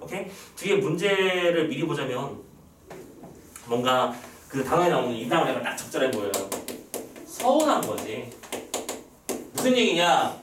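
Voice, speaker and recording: A male teacher giving an online lesson, quizzing his students with quick rhetorical questions and acting out lines from the text. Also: on the high side, very animated, fairly bright tone, a little hiss or hum. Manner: reads the text's lines aloud in acted voices. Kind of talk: online lecture. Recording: roomy echo, a little far from the mic.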